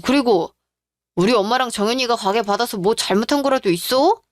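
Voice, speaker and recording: A woman's voice: a little high, fairly quick, dry recording, clean studio sound, lightly acted. A woman voicing a scheming, self-justifying husband in a radio drama, talking defensively and brushing off blame.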